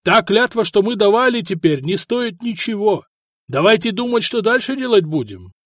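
A man reading an audiobook, voicing a scheming old boyar who loudly proclaims to the council. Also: high voice, sing-song, moderate pace, no room sound, clean studio sound, voice pushed up, heavily acted. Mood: triumphant shouting. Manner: shouting proclamations. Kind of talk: audiobook character voice.

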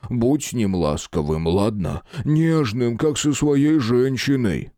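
A man's voice: medium pitch, expressive, slow pace, warm tone, no echo, clean studio sound. A man voicing a big, cowardly brute who whines and pleads in an audiobook. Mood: whining, pleading. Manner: whiny and pleading.

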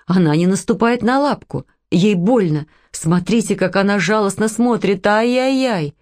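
A woman voicing a panicked mother who is a vet, pleading in a high, ringing voice about her hurt dog. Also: moderate pace, a little mellow, close to an everyday voice. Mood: frantic.

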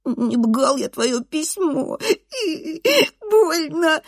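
Whiny high-pitched schoolboy with burred r, sobbing, as a woman puts him on. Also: unhurried, dry recording, clean studio sound. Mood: whining. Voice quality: burred r, nasal whine. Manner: shrieking, sobbing.

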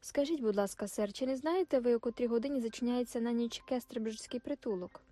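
A woman's voice: on the high side, fast, warm tone, no room sound, soft background music, lightly acted. A woman reading the lines of a poor, worn-out young woman, meek and polite. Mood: timid.

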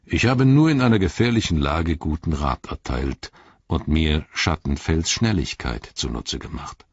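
Guy doing a deep solemn old wizard, husky, slow and riddling, storybook reading, kinda dull lo-fi sound. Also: lively intonation, no room sound, heavily acted. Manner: grave, measured, riddling. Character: ancient wise wizard, calm and commanding.

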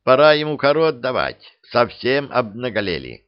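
A man reading a hot-tempered young Cossack who shouts in indignation. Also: lowish voice, a little slow, highs cut off, close to an everyday voice. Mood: angry.

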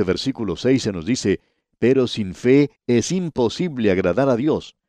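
A man giving a scripted radio Bible study, addressing the listener and reading scripture in a measured, deliberate way with slow emphasis. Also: medium pitch, mellow, no echo.

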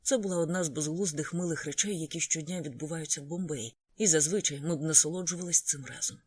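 Calm audiobook reader, dry sound. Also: mid-range voice, fast talker, breathy edge, dry recording. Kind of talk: scripted first-person narration.

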